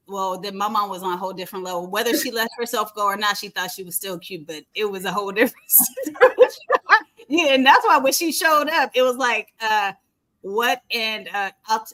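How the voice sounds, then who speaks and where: A woman, hosting a candid chat, telling animated stories and often laughing. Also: mid-range voice. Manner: animated storyteller, laughs often, acts out quotes. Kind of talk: candid casual talk-show chat.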